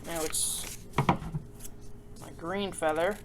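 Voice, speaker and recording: Heavy background noise surrounds a woman with a lowish voice who speaks slowly in a steady tone. She's hosting a children's craft tutorial, chatting casually, making playful self-deprecating comments, and checking in with viewers frequently.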